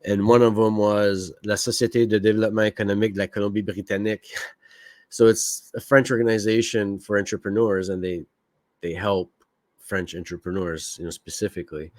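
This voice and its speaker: Speaking a little fast, a man from Quebec, Canada rambles candidly through a casual solo podcast, leaning on fillers. His lowish voice is level in tone and a bit mellow, captured in a dry recording.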